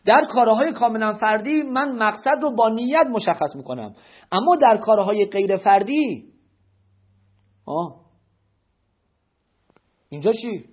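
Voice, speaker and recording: A man lectures on religion in a high, husky voice, pressing his listeners with question after question. His teaching tone is didactic and rhetorical. The recording is dull and lo-fi. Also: animated, long pauses.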